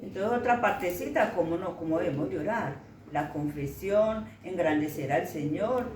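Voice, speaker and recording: A woman leading a bible study group, speaking calmly and reading scripture aloud. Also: on the low side, normal speed, recorded from a distance, a little hiss or hum. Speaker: prayer group leader. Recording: echoey room, from afar, with a crowd.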